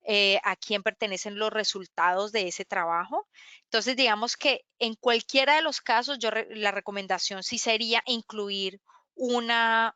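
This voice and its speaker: A woman's voice: mid-range voice, bright, forceful tone, clean tone, dry recording. A woman speaking in an online workshop, explaining and answering questions with many hesitations and restarts.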